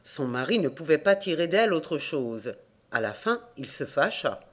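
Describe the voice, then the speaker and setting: A man narrating folk legends for a volunteer audiobook, measured and steady. His storytelling moves at an even, unhurried clip, clear and plain, close to a home microphone. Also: on the high side. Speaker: audiobook reader. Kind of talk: scripted narration of folk tales. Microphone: home recording mic.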